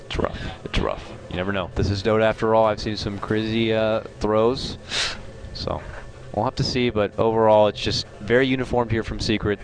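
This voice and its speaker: A man's voice: fairly low pitch, steady tone, normal speed, slight background noise, low-quality recording. A man calling a video game match with playful, upbeat play-by-play. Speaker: esports commentator. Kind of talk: casual esports commentary.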